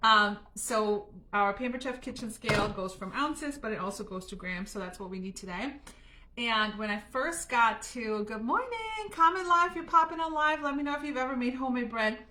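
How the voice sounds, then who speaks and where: At a moderate pace, a German livestream host bakes live in her kitchen, speaking directly to viewers and laughing a lot in relaxed chat. Her voice sits a little high and sounds pushed and bright, with slight hiss or hum in the audio.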